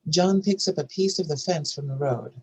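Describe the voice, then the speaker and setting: A narrator reads out a screenplay's stage directions and scene headings in a scripted way, using a mid-range, slightly mellow and slightly rough voice at a moderate pace. The rough recording carries faint background noise and room ambience.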